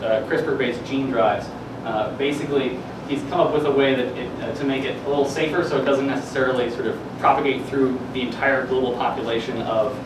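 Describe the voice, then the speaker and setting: In a boomy seminar room or classroom, a young male presenter haltingly shares research news in a casual way, leaning on lots of fillers. The recording comes from a far-off camera microphone, with echo and air-conditioning noise throughout.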